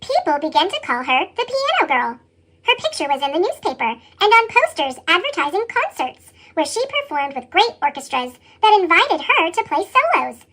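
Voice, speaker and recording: Squeaky chipmunk-filtered storybook narrator. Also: big pitch swings, moderate pace, pushed and bright, rough recording. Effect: sped-up, high-pitched chipmunk voice filter. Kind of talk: scripted picture-book read-aloud.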